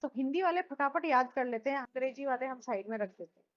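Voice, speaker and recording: High-pitched woman teaching a class. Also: expressive, quick pace, muffled recording. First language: Hindi. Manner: mixes Hindi and English, quizzes students with repeated questions. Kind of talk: classroom lecture.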